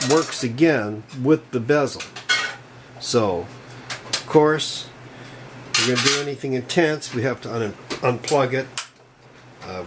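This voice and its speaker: An older man narrating a hands-on computer repair in a casual, folksy, chatty way, with bursts of excitement. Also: mid-range voice, background noise. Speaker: PC repair hobbyist.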